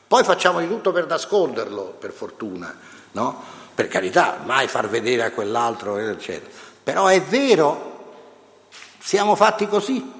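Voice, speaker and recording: Lively middle-aged man in an echoey hall. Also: fairly low pitch. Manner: conversational, addresses the audience directly. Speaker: lecturer. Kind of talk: public lecture with readings. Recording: echoey hall with long reverb.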